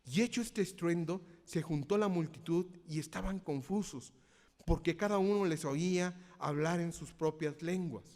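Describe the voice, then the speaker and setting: A man's voice: on the high side, normal speed, darkish tone, big-room sound. A male minister with a Mexico City accent preaching a sermon, often turning to ask the congregation questions. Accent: Mexico City Spanish. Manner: interactive, asks congregation questions.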